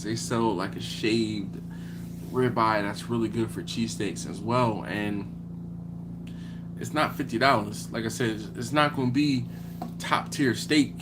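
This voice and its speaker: Heavy background noise surrounds this Philly man, whose voice sits on the low side as he hosts a barbecue livestream. He casually chats through viewer comments, animatedly acting out dialogues.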